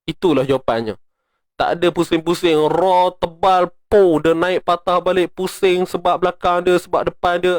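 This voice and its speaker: Speaking with a high pitch and fairly even intonation, a middle-aged man with a Malaysian Malay accent runs a lighthearted online Quran recitation class. He drills the sounds slowly, and the recording has no room sound.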